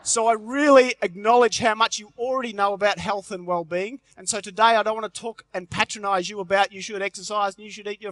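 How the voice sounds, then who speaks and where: A man's voice: high voice, fairly bright tone, no room sound. A middle-aged Australian man giving a live motivational health talk at a conference, telling jokes and stories with punchy timing. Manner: jokey storytelling, punchy delivery. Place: large convention hall stage.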